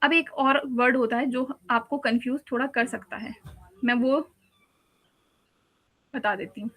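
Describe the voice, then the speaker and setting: A woman's voice: on the high side, steady tone, a little slow, fairly bright tone. A woman teacher giving a patient exam-prep lecture, explaining step by step with repeated examples. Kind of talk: exam-prep lecture mixing Hindi and English.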